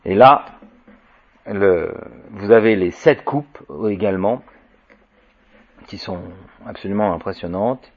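A man giving an informal lecture in a halting way, with restarts, filler tags and wry asides. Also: on the low side. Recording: dull lo-fi recording.

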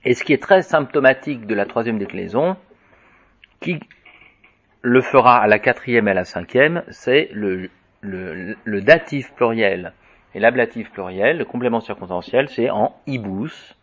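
A man's voice: on the low side, animated, a little slow, a bit bright. A man teaching a Latin lesson, chanting the word forms aloud and explaining them between the chants. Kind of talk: lesson reciting declensions. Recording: dull lo-fi recording.

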